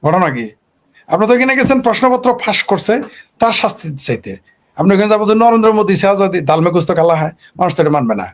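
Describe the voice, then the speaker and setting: High-voiced argumentative man. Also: big pitch swings, quick pace. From Bangladesh. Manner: argumentative, fires off rhetorical questions. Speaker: political commentator. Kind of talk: animated political monologue.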